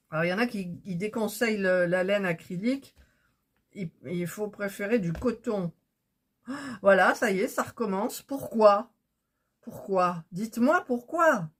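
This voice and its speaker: A woman talking her way through a crafting project in a casual vlog, thinking aloud and getting flustered when it goes wrong. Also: medium pitch. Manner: chatty, thinking aloud, gets flustered and exasperated. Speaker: craft vlogger.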